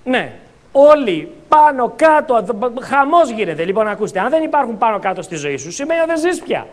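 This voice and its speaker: A man's voice: very high-pitched, sing-song. A man with a Greek accent giving a motivational seminar talk as a coach, joking and acting out little scenes. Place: conference hall.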